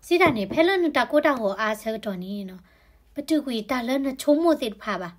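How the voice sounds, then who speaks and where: A woman's voice: high voice, animated, fairly quick. A woman explaining health topics in a conversational way, often adding tag particles to her sentences. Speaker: health educator.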